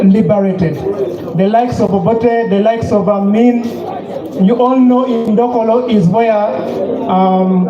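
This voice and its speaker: A man's voice: high voice, highs cut off. Ugandan man rallying a crowd. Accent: Ugandan English. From northern Uganda. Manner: call-and-response with the crowd, stretching out slogans. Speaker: regional youth leader giving a speech. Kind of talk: rally speech. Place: large public rally. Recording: echoey PA sound with a cheering crowd.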